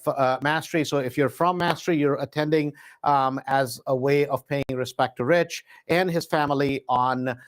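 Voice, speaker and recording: A middle-aged man who grew up in India, hosting a live real estate investing webinar in a stop-start way, with many "uh"s and emphatic repeated words. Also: on the high side. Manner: filler-heavy, stop-start delivery with many "uh"s.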